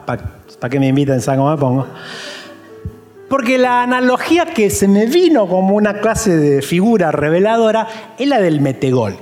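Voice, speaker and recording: A man with an Argentine Spanish accent preaching a sermon as a pastor, animated and joking, acting out the voices of people he quotes. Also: sits high, reverberant, in a large hall.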